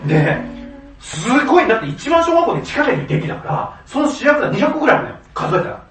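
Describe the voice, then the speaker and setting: A high-voiced man tells a story with big swings in pitch, laughing as he goes and slipping into the voices of the people he quotes. He sits a little back from the mic in an echoey room with faint noise behind him. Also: sing-song, fast, far from the mic. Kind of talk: storytelling monologue.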